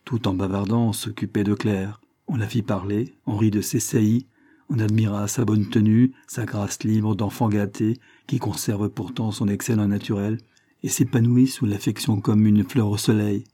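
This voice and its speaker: A man narrating a classic short story in a measured, even audiobook reading. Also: lowish voice, no echo, clean studio sound.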